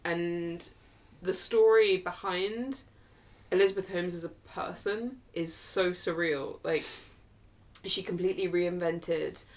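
A woman's voice: on the low side, fairly even intonation, takes it slowly. Chatty woman podcast co-host. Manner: chatty, lots of fillers and likes. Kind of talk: casual chat.

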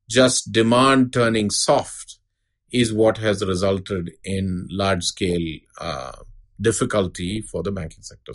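Low-voiced man explaining as expert guest. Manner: measured, explanatory, uses analogies. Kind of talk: unscripted interview explanation. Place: studio.

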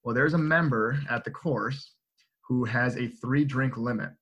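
Bright-voiced young man telling a story. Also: mid-range voice, measured pace, husky, muffled recording. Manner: animated, filler-heavy, checks in with "right?". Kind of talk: casual storytelling among friends.

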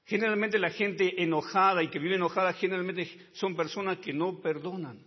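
Spanish-speaking preacher, booming reverberant hall. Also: male voice, fairly even intonation, moderate pace, slightly rough. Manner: addresses listeners as brother, tags lines with amen; swings between low quiet asides and loud high shouting. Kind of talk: sermon. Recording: dull sound with long reverb in a large hall.

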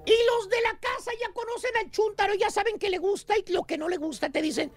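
A man's voice: very high voice, a little fast, faint music behind. A man hosting a radio comedy show, teasing his co-hosts and telling mocking stories full of slang. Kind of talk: comic radio banter.

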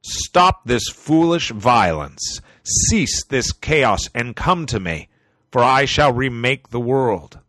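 Thundering ancient wizard king, slow and grand, as a male storyteller puts him on, loud and resonant in a dry, close setting. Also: big pitch swings, no room sound, full character voice. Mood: proclaiming. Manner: booming proclamations, slow and solemn. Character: all-powerful ancient male wizard lord, commanding and grand.

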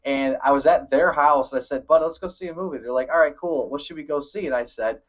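A man's voice: a little high, quick pace. Laid back young guy recalling stuff, bit muffled lo-fi sound. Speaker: podcast co-host. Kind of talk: casual chat. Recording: dull lo-fi audio.

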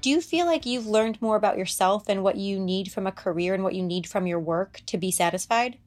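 A woman hosting a podcast, asking her guest measured, slightly hesitant questions. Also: mid-range voice, soft background music. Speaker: podcast host. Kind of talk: interview questions.

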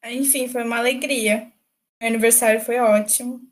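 A young woman, a new lawyer, telling a story in animated casual chat and laughing often. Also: fairly high pitch, brisk. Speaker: newly qualified lawyer, podcast guest.

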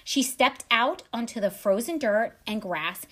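Woman podcast host, higher voice, storytelling, wry asides. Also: lively intonation, unhurried, sharp tone. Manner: dramatic retelling with wry asides. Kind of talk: true-crime storytelling.

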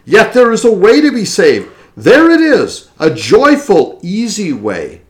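A man's voice: high voice, huge pitch swings, measured pace, voice pushed up, full character voice. A man voicing an impassioned male preacher who pleads about salvation while reading a passage aloud. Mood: joyful.

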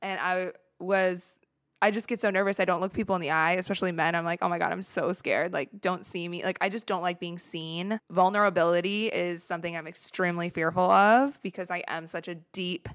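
A young woman hosts her own podcast, talking in a candid, confessional way with plenty of casual swearing and "like" fillers. Her voice sits a little low for a woman. The sound is dry and close, with almost no room around it. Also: steady tone, a little fast, a bit bright, clear, resonant tone, no echo. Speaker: podcast host. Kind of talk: candid solo podcast talk.

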